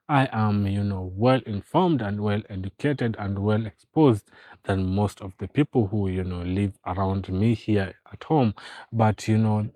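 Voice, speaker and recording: A Kenyan man in his twenties talking to the camera in a casual vlog, recorded on a phone, earnest and filling every pause with "you know". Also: fairly low pitch, a little mellow, no echo. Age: 20s. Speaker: vlogger.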